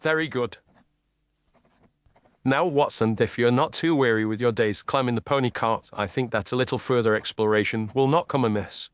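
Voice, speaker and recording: A man voicing Sherlock Holmes, a shrewd, self-assured gentleman detective with a precise, formal, deductive manner, in an audiobook. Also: medium pitch, normal speed, clear, resonant tone, dry recording, lightly acted. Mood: brisk, intent. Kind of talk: audiobook character dialogue.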